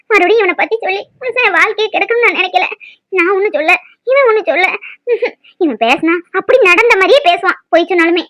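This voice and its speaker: A woman's voice: very high voice, bright, forceful tone, dry recording. A woman voicing a frightened young wife in a cartoon, pleading and scolding by turns. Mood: fearful. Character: frightened young wife, tearful and sharp-tongued. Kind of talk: cartoon voice acting.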